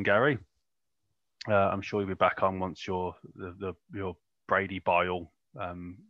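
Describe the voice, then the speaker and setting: A man's voice: low voice, a bit bright, dry recording, muffled recording. A man hosting a casual sports podcast, rambling and self-mocking with lots of fillers. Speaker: podcast host.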